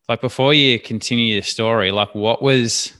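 A man's voice: medium pitch, fairly even intonation, normal speed, pushed and bright. A man, hosting a casual interview with a chummy, loose way of asking questions. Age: 30s. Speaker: podcast host.

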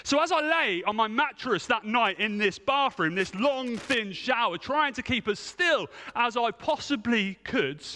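Animated preacher man, bright echoing voice. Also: very high voice, measured pace, hardly any pauses. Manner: humorous, self-mocking anecdote. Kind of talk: storytelling sermon. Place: church stage. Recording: long reverb of a large hall.

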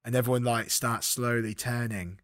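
A man's voice: medium pitch, moderate pace. A man co-hosting a comedy podcast, telling a rambling story in casual chat. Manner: animated storytelling, rambling, laughing. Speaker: podcast co-host.

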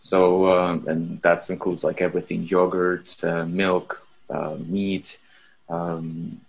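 A man with a Russian accent and a very low, deep voice talks in a relaxed podcast chat. He speaks haltingly, restarting phrases as he hunts for the right English words. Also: vocal fry. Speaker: podcast guest. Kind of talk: casual chat.

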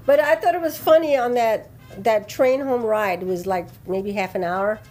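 A woman's voice: a little high, normal speed. New woman co-hosting a podcast, blunt, swears, laughs a lot, faint music behind. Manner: lively, laughing, blunt and profane. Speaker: podcast co-host. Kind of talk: casual podcast chat.

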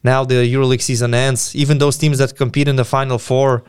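A man's voice: mid-range voice, little pitch movement, quick pace, smooth, dry recording, studio quality. A man co-hosting a basketball podcast, giving emphatic opinions in casual discussion and often repeating his point.

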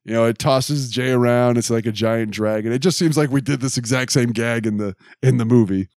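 A man's voice: medium pitch, steady tone, a little fast, a little mellow, dry recording, studio quality. Male podcast host recapping with trivia. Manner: recaps the plot and drops trivia. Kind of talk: casual chat.

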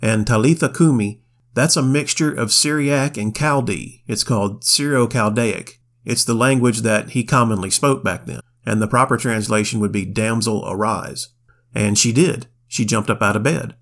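A man's voice: mid-range voice, moderate pace, a bit bright. A man co-hosting a casual Bible study podcast, retelling scripture in folksy slang and quoting old King James wording. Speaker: podcast co-host reading the Bible.

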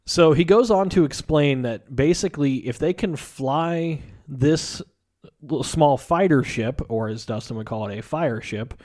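A man's voice: on the high side, a little slow. A man in casual chat, animatedly retelling a movie's plot and acting out its lines. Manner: animated storyteller, acts out characters' lines.

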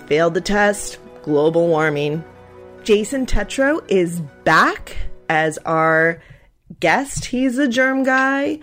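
A woman hosting a podcast in a playful, enthusiastic and expressive way, chatting casually. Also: medium pitch. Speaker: podcast host, nurse. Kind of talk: podcast hosting, intro and casual interview chat.

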